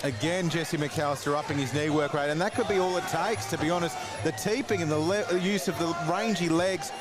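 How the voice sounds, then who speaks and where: A man's voice: a little high, a little fast. A man commentating live on fights in a matey, colloquial, conversational way. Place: ringside at a live fight event. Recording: loud music and crowd behind.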